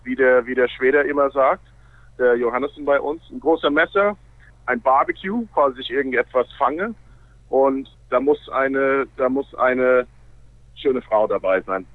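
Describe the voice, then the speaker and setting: A man speaks German as a foreign language with a clear North American accent, chatting casually as an interview guest. His mid-pitched voice comes through narrow and phone-like, with very little room sound. Small grammar slips show his English mother tongue. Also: measured pace, no room sound. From Canada. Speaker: interview guest, baseball player.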